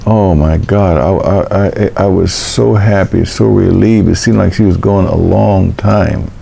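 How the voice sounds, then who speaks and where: An older man hosting a vlog, telling a personal story in a halting, emotional way with many restarts. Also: low-pitched, fairly even intonation, vocal fry, dark tone, a little hiss or hum. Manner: halting, repeats words and restarts; emotional recollection. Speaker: vlog host.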